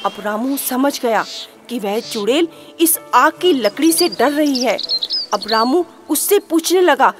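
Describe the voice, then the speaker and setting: A woman narrates a spooky storybook tale in a high voice and builds suspense as she goes. She takes her time over each line while music plays behind her. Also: lively intonation, takes it slowly. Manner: dramatic, suspenseful telling. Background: background music.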